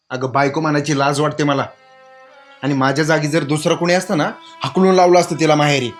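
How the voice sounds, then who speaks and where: An actor playing an angry, scolding young husband in a drama. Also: male voice, fairly high pitch, natural voice. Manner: harsh, scolding. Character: angry stern husband, young adult man. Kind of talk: web series drama acting.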